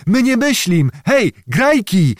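A man's voice: sits high, big pitch swings, slow, no echo, studio quality, voice pushed up, heavily acted. A man doing a pleading old peasant. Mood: eager. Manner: pleading, bowing, rustic speech.

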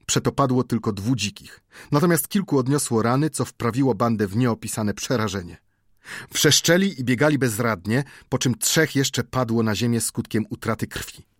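A man's voice: medium pitch, no room sound, studio quality. Man narrating an adventure story. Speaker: audiobook narrator. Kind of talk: scripted narration of an adventure novel.

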